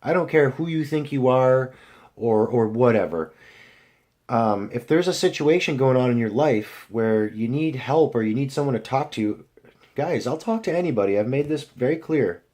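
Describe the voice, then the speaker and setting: A man's voice: mid-range voice, animated, normal speed, a little mellow. A young man rambling casually to his viewers, full of fillers and restarts. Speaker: vlogger. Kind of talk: rambling casual vlog chat.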